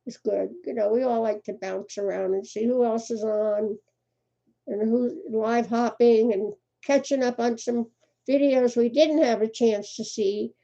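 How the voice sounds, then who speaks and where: A slightly high, gravelly, dark-toned woman speaks a little slowly with fairly even intonation. The older host of a crochet livestream, she chats casually, laughs often and calls out viewers by name. The sound is muffled and lo-fi.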